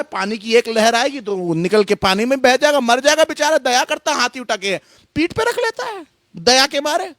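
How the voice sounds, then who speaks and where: Animated high-voiced man preaching a sermon. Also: no echo, clean studio sound. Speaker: pastor. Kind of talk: Hindi sermon.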